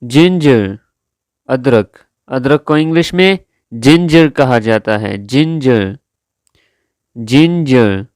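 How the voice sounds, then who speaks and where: An English vocabulary teacher, male and a native Urdu speaker, paces his lesson slowly and repeats each word in careful, elongated drills. He has a mid-range, expressive, darkish voice, recorded at studio quality without room sound.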